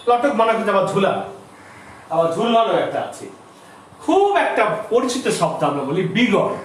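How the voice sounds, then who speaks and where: শিক্ষক, উঁচু ও ওঠানামা করা কণ্ঠস্বর. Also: male voice, sits high. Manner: explains slowly, repeats terms, asks students questions. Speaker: teacher. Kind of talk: grammar lesson for school students. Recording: distant, echoey room with faint noise.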